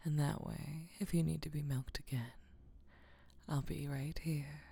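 A woman playing a doting female caretaker who talks in a soft, hushing whisper. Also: low-pitched, fairly even intonation, a little slow, vocal fry, breathy edge, full character voice. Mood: tender, hushing. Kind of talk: intimate audio roleplay.

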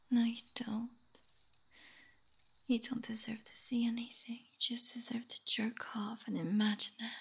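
A woman speaking in a teasing, taunting whisper for a roleplay audio, with soft hums and sighs between lines. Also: fairly high pitch. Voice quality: breathy. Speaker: voice actor.

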